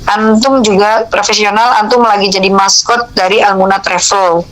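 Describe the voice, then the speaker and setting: This low-quality clip features a middle-aged woman from Indonesia, 45 or older, with a medium pitch and moderate pace. She is a religious counsellor in an interview, vividly retelling a personal story and voicing the dialogue in informal speech.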